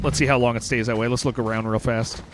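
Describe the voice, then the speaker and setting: A man's voice: medium pitch, steady tone, quick pace, a little hiss or hum. A man streaming a video game live, chatting casually and rambling with lots of fillers. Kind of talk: casual live-stream commentary while gaming.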